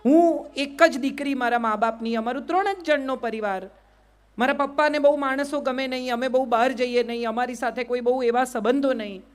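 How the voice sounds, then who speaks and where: A middle-aged woman with a Gujarati accent giving a lively motivational speech, often putting questions straight to her audience. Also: high-pitched, a little fast, faint music behind. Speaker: public speaker.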